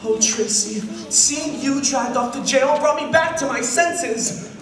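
A man's voice: very high voice, slow pace, slight background noise, heavily acted. A young man on a musical theater stage playing an earnest, lovestruck, slightly dim teenage heartthrob. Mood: earnest, remorseful. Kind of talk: amateur stage musical acting. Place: large indoor theater stage. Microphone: distant audience camera. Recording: echoey theater, far mic, loud music.

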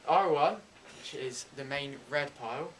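A young man in his teens giving an informal, halting step-by-step card trick tutorial in amateur magician patter. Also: medium pitch, fairly bright tone, a little hiss or hum, rough recording. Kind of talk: informal step-by-step demonstration and explanation. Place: indoors at a table and whiteboard.

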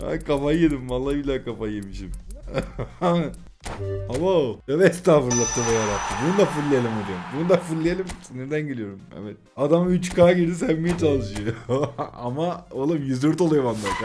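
A man in his twenties commentating a late-night mobile game stream, excitable and swinging between groans and shouts. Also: mid-range voice. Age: 20s. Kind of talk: live pack-opening stream commentary.

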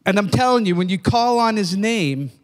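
Older man, fervent sermon, frequent call-outs to congregation, high-pitched, reverberant church hall. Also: animated, moderate pace. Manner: fervent, repeats "amen?" to the congregation. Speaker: preacher.

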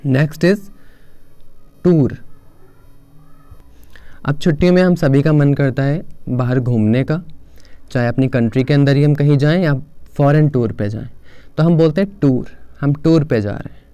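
A young man explaining pronunciation in a lesson, slowly repeating model words. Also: on the high side, mellow, smooth, no room sound. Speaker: pronunciation teacher.

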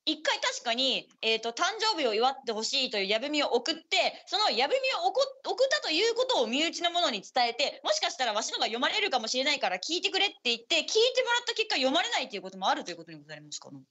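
A woman's voice: high-pitched, sing-song, quick pace, few pauses, pushed and bright, full character voice. A woman playing a polite, eager ninja retainer as radio co-host, in archaic, deferential speech. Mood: curious, chatty. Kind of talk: in-character radio hosting.

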